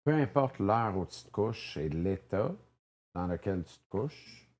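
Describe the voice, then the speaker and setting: A man's voice: sits low, lively intonation, measured pace, a little mellow, a little hiss or hum. A man with a Québécois French accent hosting a casual interview, teasing his guest and asking probing questions. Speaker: host.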